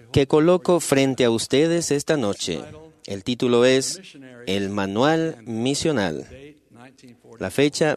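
A man speaking at a church meeting, telling a personal story as a sermon in a measured, earnest way and slowing on key phrases. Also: medium pitch, a little mellow.

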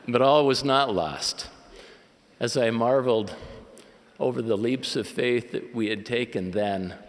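Earnest man preaching in a huge hall. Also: on the low side. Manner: earnest, measured delivery. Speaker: church leader giving a conference talk. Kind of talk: sermon. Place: large conference hall. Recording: long reverb of a large hall.

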